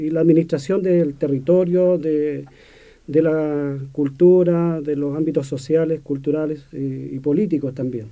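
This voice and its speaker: A man, a community representative, explaining his organization in halting phrases with self-corrections. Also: fairly high pitch, dark tone. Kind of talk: radio interview answer. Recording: dull lo-fi sound.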